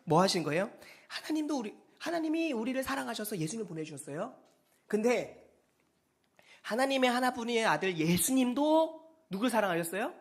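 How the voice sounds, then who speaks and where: A pastor giving a Sunday sermon in a church, animated and acting out quoted speech. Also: mid-range voice, a little fast.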